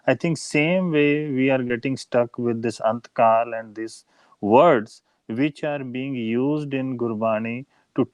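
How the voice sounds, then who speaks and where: Earnest man, medium-pitched. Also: dry recording. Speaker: discussion participant. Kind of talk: informal scripture discussion.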